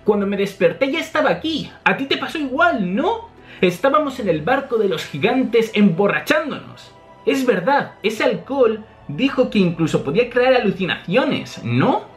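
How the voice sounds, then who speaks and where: A man voicing a frightened young woman navigator in a high, alarmed falsetto. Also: big pitch swings, moderate pace, soft background music. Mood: uneasy.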